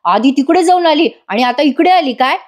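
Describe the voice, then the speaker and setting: A woman's voice: high voice, animated, moderate pace, pitched above the performer's own voice. A woman voicing a sly older man who works with the villain, in a voice-over retelling of a serial scene.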